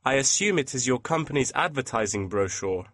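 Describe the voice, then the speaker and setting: A man with a mid-range, slightly bright voice speaks fairly quickly with lively intonation, recorded cleanly in a studio with no echo. In a scripted listening-test dialogue he plays a printing company employee taking a customer's requests, sounding polite, attentive and formally courteous in a customer-service way.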